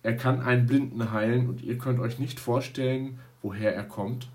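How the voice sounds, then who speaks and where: A man's voice: medium pitch, steady tone, normal speed, darkish tone, natural voice. A man voicing a formerly blind man who was healed, speaking plainly and answering back with indignant questions. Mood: insistent.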